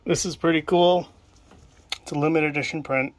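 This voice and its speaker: An estate sale buyer from New England films himself on a handheld phone while picking through a cramped wooden shed during a cleanout. He muses aloud to viewers in casual running commentary, his slightly high voice fairly even at normal speed.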